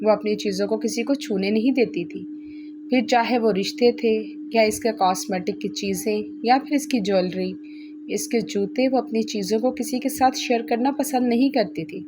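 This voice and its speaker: A woman storyteller reading a romantic novel aloud with steady, expressive narration. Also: a little high, normal speed, noisy background.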